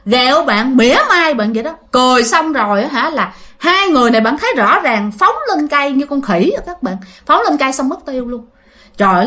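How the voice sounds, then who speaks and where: A woman's voice: on the high side, fairly bright tone. A woman telling a ghost story in a chatty way, talking straight to her listeners with many fillers. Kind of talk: casual spoken storytelling.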